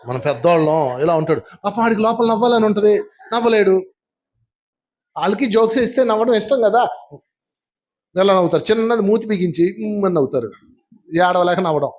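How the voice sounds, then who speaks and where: A man giving a spiritual class, telling stories in a lively way and putting questions to his audience. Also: sits high. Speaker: spiritual teacher.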